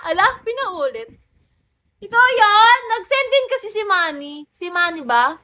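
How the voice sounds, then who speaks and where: Young woman livestreamer, super high voice, bright and a bit slow, shrieks and teases her viewers. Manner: excitable, squealing and shouting at gifts, playful teasing. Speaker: livestream host. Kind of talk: casual livestream chat thanking viewers for gifts.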